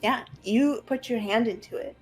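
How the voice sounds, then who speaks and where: A young woman narrating an online tabletop roleplaying game as game master, improvising her descriptions haltingly. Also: a little high, husky, low-quality recording. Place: room at home, on a group video call. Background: faint music.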